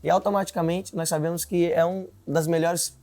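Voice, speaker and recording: A man's voice: on the high side, flat delivery, brisk, warm tone, dry recording. A man in his twenties, a city council candidate, earnestly telling his life story in an interview, often adding filler tags. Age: 20s.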